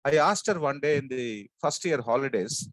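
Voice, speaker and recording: A man of about sixty with a strong South Indian Telugu accent from Andhra, giving an emphatic training talk in short, deliberate phrases with rhetorical questions. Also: mid-range voice, lively intonation, no room sound, low-quality recording. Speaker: sales trainer and business coach. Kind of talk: motivational training talk to an audience.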